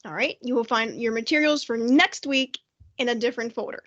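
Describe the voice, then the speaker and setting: A woman's voice: a little high, fairly quick, a bit bright, lo-fi sound. A woman art teacher giving a recorded online lesson, upbeat and speaking directly to young students with questions. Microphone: computer mic, screen-shared lesson.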